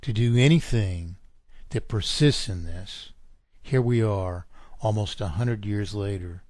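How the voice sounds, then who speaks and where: Slow, emphatic lecturing man on radio. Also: on the low side, a little mellow, no room sound, studio quality. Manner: emphatic, lecturing, rises sharply in indignant questions. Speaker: radio show guest. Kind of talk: talk radio monologue.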